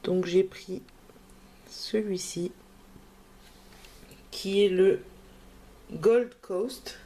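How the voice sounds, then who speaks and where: A woman's voice: mid-range voice, extremely slow, mellow, a little hiss or hum. A woman crafting vlogger, talking in a casual, hesitant way with many fillers as she shows her purchases. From France. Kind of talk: casual haul video.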